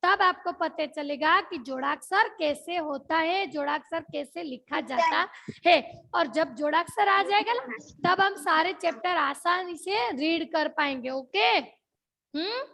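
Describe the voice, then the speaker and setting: A woman's voice: very high-pitched, expressive, a little slow, gravelly, bright, forceful tone. A young woman with a Gujarati accent teaching an online class, mixing in English words and repeating questions to check that the children follow.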